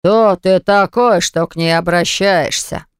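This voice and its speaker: A woman's voice: fairly low pitch, clean tone, no echo, clean studio sound, close to an everyday voice. Woman doing a nasal, drunk, sneering father. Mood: belligerent. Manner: slow, drawling and mocking. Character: drunk, spiteful middle-aged father, sneering and greedy.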